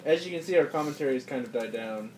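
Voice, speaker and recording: A card game channel host plays at a table in an indoor room, chatting with viewers in a laid-back, chuckling way. His medium-pitched, darkish voice moves quickly with lively intonation, captured distantly on a roomy, noisy phone recording.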